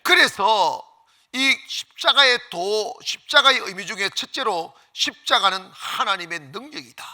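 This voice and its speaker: A man preaching a Sunday sermon in a bright, forceful voice with a high pitch. His delivery is fervent and lively, swinging widely up and down as he leads the congregation in call-and-response. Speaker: pastor.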